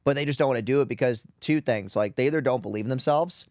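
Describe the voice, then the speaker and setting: A man's voice: mid-range voice, quick pace, a little mellow, dry recording, clean studio sound. A man who is a guest on a podcast, talking bluntly and casually, swearing and calling his host dude and bro. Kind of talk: casual interview chat. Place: podcast studio in Las Vegas.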